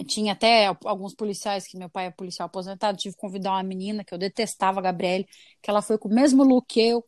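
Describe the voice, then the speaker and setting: A woman in her thirties from Brazil hosts a casual podcast chat and tells stories in an animated way, acting out what people said in shifted voices. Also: mid-range voice, quick pace, no echo, clean studio sound. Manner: animated storyteller, acts out quotes in shifted voices. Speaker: podcast host.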